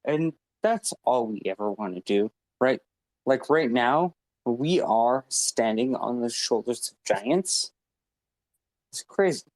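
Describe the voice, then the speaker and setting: Brief: drawn-out, impassioned man, dry close sound, swearing freely. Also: medium pitch, expressive, darkish tone, no room sound, poor audio. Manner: passionate, profane, rambling. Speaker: panel guest. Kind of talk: impassioned live audio-room talk. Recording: online audio-room stream.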